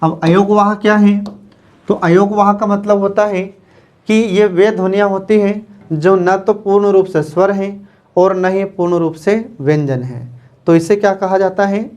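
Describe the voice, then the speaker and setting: A high-pitched man gives an exam-prep grammar lecture. He talks in a plain, patient way, goes over each point more than once, and poses questions that he then answers himself. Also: steady tone, unhurried, darkish tone. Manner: repetitive, asks the class questions and answers them himself. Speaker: teacher.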